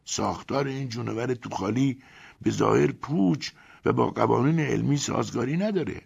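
A man's voice: medium pitch, gravelly, breathy edge, pitched above the performer's own voice. A man voicing a vain, deluded male clerk swallowed by a crocodile, who talks boastfully and lectures in a preachy tone, on a dull lo-fi recording. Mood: calm lecturing.

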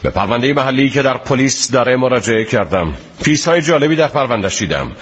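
An actor playing a shrewd male detective who questions a witness in a calm, measured, courteous way, in a radio drama dub. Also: medium pitch, husky. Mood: eager, pleased.

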